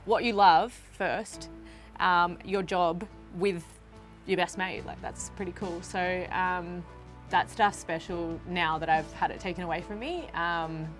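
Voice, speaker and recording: A young woman, a netball player, speaking earnestly in a documentary interview and growing animated as she recalls key moments. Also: fairly low pitch.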